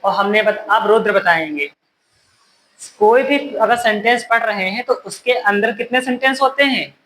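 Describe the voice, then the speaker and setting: A man's voice: high-pitched, moderate pace, slight background noise, rough recording. Male teacher drilling a class. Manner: repeats questions to the class, scolds students gently. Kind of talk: classroom grammar lesson. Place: classroom with students.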